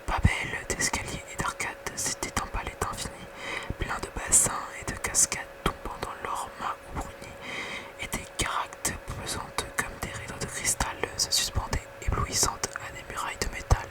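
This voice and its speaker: A very quiet, night-time whisper reading poetry softly in an ASMR bedtime style. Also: normal speed, low-quality recording. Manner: hushed bedtime reading with casual whispered asides. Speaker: ASMR reader.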